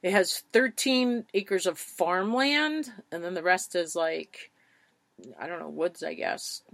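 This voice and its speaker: A woman's voice: lowish voice, slow pace, creaky, fairly bright tone, no room sound. Woman podcast host, casual chat, rambling and chatty, dry close sound. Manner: chatty, rambling, laughs often.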